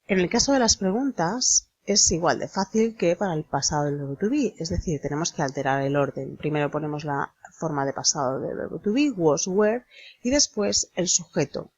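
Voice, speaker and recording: A woman explaining an English grammar lesson in a slow, deliberate manner, spelling out letters. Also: low-pitched, animated, husky, no room sound, highs cut off. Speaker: English teacher.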